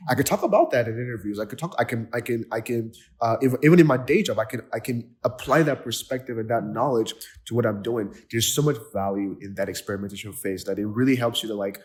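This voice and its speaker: This podcast host from Nigeria chats through a casual interview with real enthusiasm, dotting his speech with fillers and restarts. He talks fast in a mid-range voice, barely pausing.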